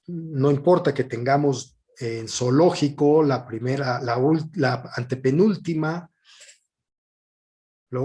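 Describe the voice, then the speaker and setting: Slow, patient teacher, man. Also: medium pitch, dark tone. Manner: patient, explanatory, with frequent "eh" pauses. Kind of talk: recorded classroom lesson.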